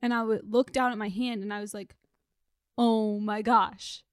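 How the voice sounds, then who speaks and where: A young woman in her twenties tells a story in casual chat, scattering fillers through her lines. Her voice sits a bit high. The sound is dry and close. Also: steady tone, quick pace, clean tone, no echo. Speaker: co-host.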